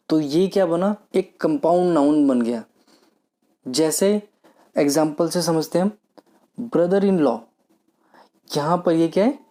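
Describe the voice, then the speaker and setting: In a mellow, relaxed voice that's a little high, a man teaches grammar, asking questions and then answering them himself. Whenever he reads an example sentence, he slows right down.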